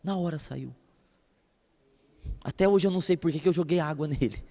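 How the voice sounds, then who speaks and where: A man preaching a sermon as a pastor, telling stories in an animated way and acting out voices. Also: on the high side, moderate pace, big-room sound. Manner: animated storytelling, acts out voices and laughs.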